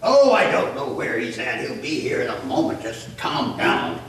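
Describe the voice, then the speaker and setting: A man's voice: medium pitch, huge pitch swings, normal speed, fairly bright tone. An actor playing a stubborn, grumbling elderly riverboat magnate in a folksy one-man stage monologue. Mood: cranky. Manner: folksy, grumbling, talks back to an unseen doctor. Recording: echoey room, distant mic, noisy.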